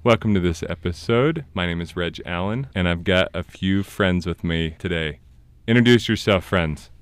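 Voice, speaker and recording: A man's voice: sits low, moderate pace, clear, resonant tone, dry recording. A man in his thirties hosting a casual podcast, telling stories in an earnest way. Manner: earnest storytelling. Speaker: podcast host.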